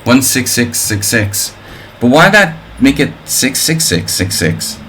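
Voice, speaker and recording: With big pitch swings in his mid-range voice and a slow pace, a man live-streams a chess simul against a noisy background. He announces moves and thinks aloud, chatting offhandedly with viewers and sprinkling in wry jokes and wordplay.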